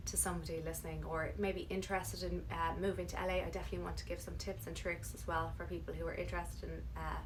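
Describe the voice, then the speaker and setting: A woman's voice: lowish voice, a bit bright, slight background noise, rough recording. A woman with a west of Ireland accent, chatting casually and digressively to camera as a vlogger. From Ireland, Galway on the west coast. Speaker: YouTube vlogger. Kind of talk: casual personal storytelling to camera.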